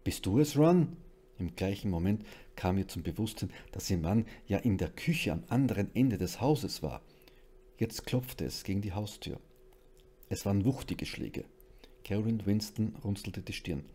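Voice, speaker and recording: A man reading a horror audiobook aloud in a measured, suspenseful narration. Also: on the low side, lively intonation, mellow, slightly rough. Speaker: audiobook reader.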